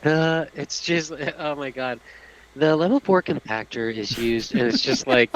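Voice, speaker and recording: A man co-hosting a podcast, riffing on jokes in an animated, casual way. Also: mid-range voice, a little slow, dull audio. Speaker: podcast co-host. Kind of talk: casual comedic chat.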